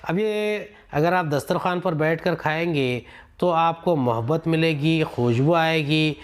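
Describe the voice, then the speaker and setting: A male teacher works through a textbook chapter, reading a passage and then explaining it in plain terms. He stops to put questions to his students. His voice sits a little high for a man. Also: clear, resonant tone. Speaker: Urdu teacher.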